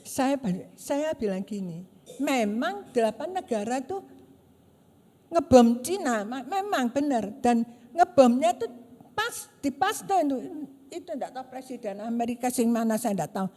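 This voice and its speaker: A woman pastor preaches in a high, mellow voice. She tells stories with animated energy and acts out the voices of the people in them. Her voice carries a long church-hall reverb. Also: moderate pace. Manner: animated storytelling, acting out quoted voices. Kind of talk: sermon.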